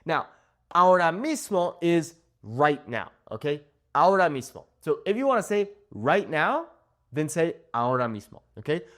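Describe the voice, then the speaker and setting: A young man teaches a casual Spanish lesson to camera. His voice is fairly high for a man and moves up and down a lot as he explains. He keeps asking "okay?" to check that the viewer follows. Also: moderate pace. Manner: lively, often checks in with "okay?".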